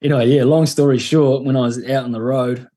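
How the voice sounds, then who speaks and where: A man's voice: medium pitch, steady tone, fairly quick, mellow. A man with a broad New Zealand accent telling stories in casual, laid-back, slangy and sweary chat as a podcast guest.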